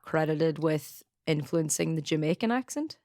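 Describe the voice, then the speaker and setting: A woman from Donegal, Ireland, with the accent to match, co-hosts a podcast and chats casually, laughing a lot and leaning heavily on "like." Her voice sits low and is a bit mellow, with lively intonation and a moderate pace. The recording is dry and studio-clean.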